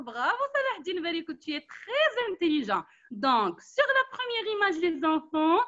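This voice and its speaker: A woman teaching an online class for young children, speaking slowly and patiently, encouraging them and repeating instructions over a video call. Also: very high voice, a bit bright. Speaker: primary school teacher. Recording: dull lo-fi online call audio.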